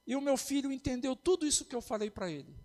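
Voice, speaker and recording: High-voiced Brazilian pastor preaching. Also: male voice, expressive, quick pace, darkish tone, big-room sound. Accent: Brazilian Portuguese. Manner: impassioned preaching. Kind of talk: sermon.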